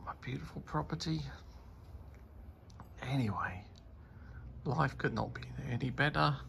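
A man's voice: medium pitch, expressive, measured pace, gravelly, a bit bright, a little hiss or hum. A man chatting casually as he reviews a beer, rambling and enthusiastic as he tastes. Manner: rambling, enthusiastic tasting remarks.

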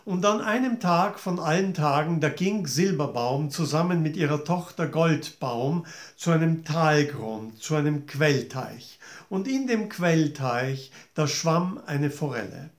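A male storyteller telling a fairy tale to children, gently addressing his listeners directly. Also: on the high side, expressive, unhurried, hardly any pauses. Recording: roomy echo.

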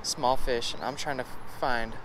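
Fishing at a pond's edge, a thirtysomething man vlogs to his audience through an action camera held in selfie framing, eagerly talking up every catch. He speaks at medium pitch with a measured pace, and the outdoor recording picks up clear background noise.

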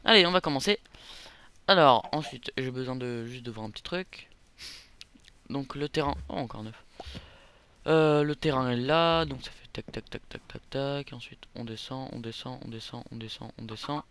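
A man's voice: mid-range voice, moderate pace, a bit bright, a little hiss or hum. A young man giving casual, rambling commentary over a video game, joking at his own expense. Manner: rambling, self-mocking, jokey asides. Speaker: gameplay commentator. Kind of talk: casual let's play commentary.

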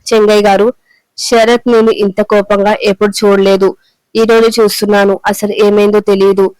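Woman doing a worried older lady trying to calm everyone, smooth dry voice. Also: mid-range voice, normal speed, dry recording, natural voice, low-quality recording. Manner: calm, pleading for peace.

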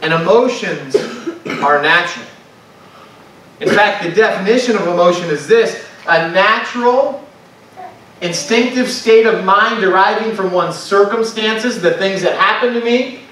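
A man's voice: sits high, fairly bright tone, a little hiss or hum. A man preaching a sermon to a congregation, talking in a conversational way and asking the room questions. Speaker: pastor. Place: church sanctuary. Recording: echoey church sound from a distant mic.

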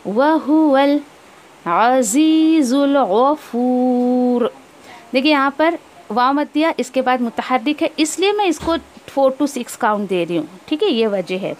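High-voiced woman teaching Quran recitation. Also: lively intonation. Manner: explains rules, then recites verses slowly and drawn out; corrects mispronunciations directly, mixing in English words. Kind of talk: tajweed lesson with recitation.

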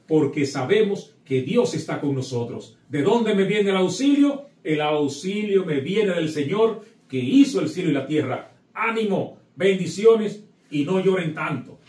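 Middle-aged priest, echoey and distant. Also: male voice, fairly high pitch, expressive, measured pace, darkish tone. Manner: exhorting, then solemn recitation of prayers. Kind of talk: sermon and Mass liturgy. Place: small chapel set with altar, indoors. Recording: echoey room, voice from far off.

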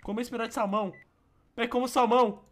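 Excitable high-voiced Brazilian young man. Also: fast talker. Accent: Brazilian Portuguese. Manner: excitable, shrieking laughter, playful teasing. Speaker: gaming video host. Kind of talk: playful game commentary.

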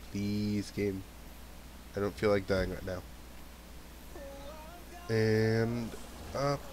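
Against a noisy background and game music, a man with a lowish voice and a stuffy nose plays through a video game. His let's play commentary is casual as he figures out aloud what to do next.

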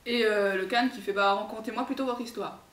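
A woman's voice: mid-range voice, fairly quick, roomy sound, far from the mic. A woman telling a story aloud in a casual, laid-back way, with lots of hesitations and laughter. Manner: relaxed, laughing, hesitant with many fillers.

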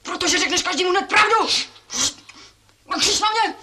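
An impatient young wife. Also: female voice, very high voice, bright, forceful tone. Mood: reproachful. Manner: reproachful, impatient. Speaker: daughter in a film comedy. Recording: hissy old film soundtrack.

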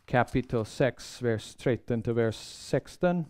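A Bible seminar speaker lectures like a preacher, earnest and deliberate, with many pauses and phrases begun again. His medium-pitched voice is smooth, resonant and darkish in tone, and his delivery is animated.

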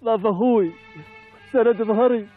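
A man's voice: sits high, moderate pace. An actor playing a passionate Bedouin man devoted to his brother, speaking emotional Bedouin Arabic with repeated, declamatory phrases in a television drama. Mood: overwhelmed joy. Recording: muffled, phone-like, faint music.

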